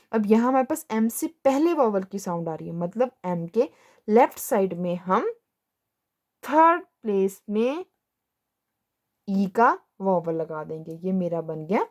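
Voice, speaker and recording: In a medium-pitched, slightly mellow voice, a young woman teaches shorthand step by step in a classroom. She patiently asks herself questions, answers them, and keeps repeating "ठीक है".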